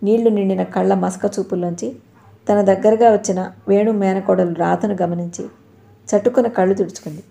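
A woman's voice: mid-range voice, fairly even intonation, fairly quick, vocal fry, warm tone. A woman narrating an audio novel, reading all the characters' lines in her own voice.

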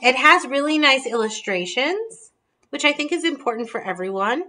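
Bright-voiced woman presenting on a video call. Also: high voice, expressive, normal speed. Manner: friendly, holds up books while explaining. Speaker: host presenting holiday table ideas. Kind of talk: casual video call demonstration. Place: home dining room. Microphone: video call on laptop camera.

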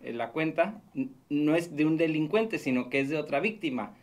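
A man in his thirties with a Mexican Spanish accent reports on consumer fraud for a radio talk segment, explaining a loan scam from a small studio booth. His slightly high voice is animated at a moderate pace, and he sounds earnest and explanatory, warning listeners through a studio mic on a boom arm.

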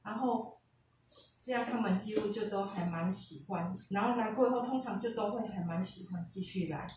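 A woman's voice: medium pitch, moderate pace, distant mic. Echoey woman telling a story. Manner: retells conversations, switching into quoted dialogue. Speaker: speaker sharing a personal testimony at a seminar. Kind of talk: casual storytelling testimony. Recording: echoey hall picked up from afar, faint hiss.

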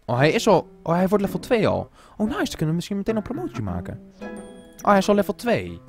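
Lively man doing casual game commentary. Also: high voice, fast talker, faint music behind. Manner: swears often, mixes in English phrases; talks to the game characters. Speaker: gaming channel host. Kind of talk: Let's Play commentary.

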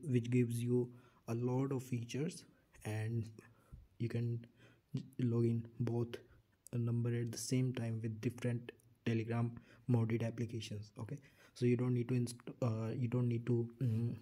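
A man with a medium-pitched, warm voice hosts a casual app tutorial. He explains each step plainly and tends to repeat himself.

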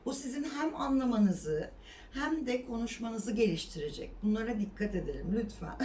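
A woman whose first language is Turkish, teaching English pronunciation in a lively way and repeating words slowly to model them. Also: on the high side, far from the mic, slight background noise. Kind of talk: pronunciation lesson.

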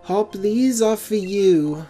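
A man voicing an elderly, proper woman professor in a put-on British accent, with drawn-out, plummy phrasing. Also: high-pitched, mellow, soft background music, pitched above the performer's own voice. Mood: formal.

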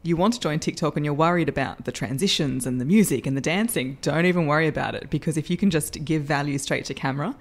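Middle-aged woman voice coach, upbeat interview guest who laughs often, lowish voice. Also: fast, hardly any pauses. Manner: lively, laughs often, self-deprecating. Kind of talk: podcast interview.

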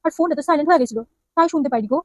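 A woman's voice: high-pitched, rapid-fire, no echo, natural voice. A woman voicing a harried husband who keeps making defensive excuses in a comedy skit. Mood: pleading. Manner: pleading, defensive.

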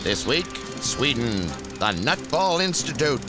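A man voicing a cartoon narrator in a theatrical old newsreel announcer style, with a booming delivery. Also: big pitch swings, a little slow, music in the background.

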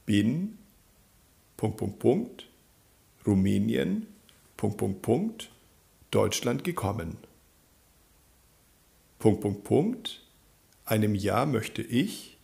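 A man teaches a grammar lesson at an unhurried, deliberate pace. His low voice has a gravelly edge, and his pitch rises and falls widely as he stresses each answer. He reads every sentence out clearly and then says it again. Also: darkish tone. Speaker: German teacher.

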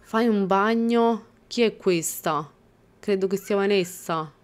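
A woman's voice: medium pitch, slow pace. A young woman hosting a casual let's-play, talking over her game and scolding the characters with mock exasperation. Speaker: gaming channel host.

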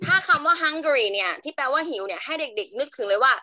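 A young Thai woman teaching English to children in an online class, drawing words out slowly for them to repeat. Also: high voice, animated, sharp tone. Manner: slow, drawn-out modelling of words for pupils to repeat.

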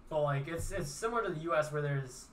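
A young man co-hosting a casual podcast chat, chatty and quick to object. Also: fairly high pitch, music in the background. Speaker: podcast co-host. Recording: distant mic, faint room noise.

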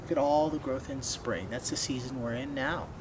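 A young man reads a children's picture book aloud with plenty of expression, his voice at a medium pitch and his pace moderate. Between passages he turns to his young audience and asks them questions. It was recorded on a camera outdoors beside a wooden fence, with clearly noisy ambience in the background.

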